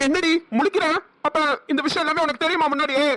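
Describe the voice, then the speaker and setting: A woman's voice: sits high, fairly even intonation, fast, over loud music, natural voice. A woman voicing a hot-tempered older brother. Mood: furious. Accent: Namakkal Tamil. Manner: flustered, stammering then explosive. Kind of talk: cartoon voice acting.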